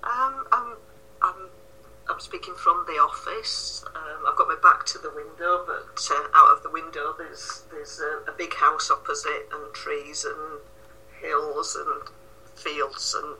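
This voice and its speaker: A woman's voice: deep voice, a little slow, pushed and bright, slight background noise, low-quality recording. A woman, a guest author speaking from her office, cheerful and often repeating words as she starts. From Yorkshire, England.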